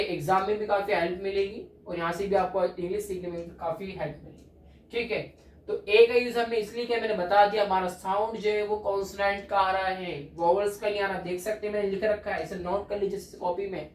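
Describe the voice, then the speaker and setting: A high-pitched male grammar teacher explains slowly and patiently as he writes on a board, repeating points and checking the class is following. He's recorded from across an echoey room, so he sounds distant and roomy.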